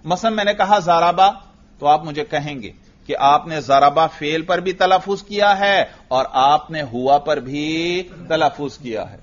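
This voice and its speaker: A man with a Pakistani Urdu accent lectures his class on grammar in a fairly high voice. He explains each point patiently, putting questions to the students and answering them himself. The recording is muffled and lo-fi. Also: a little slow. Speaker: teacher.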